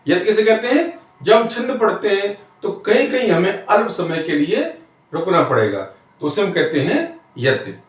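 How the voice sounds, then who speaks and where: Male grammar teacher, high animated voice, step-by-step explanations, heavy echo, distant mic. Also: a little slow. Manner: explains step by step with repeated questions to students. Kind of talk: classroom-style lesson.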